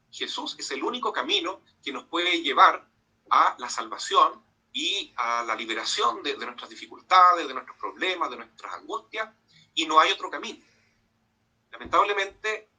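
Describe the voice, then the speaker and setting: Bright-toned priest preaching. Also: male voice, on the high side, slight background noise, rough recording. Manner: conversational preaching with frequent tag questions and fillers. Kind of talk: informal sermon-style talk to young people. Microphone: video call microphone.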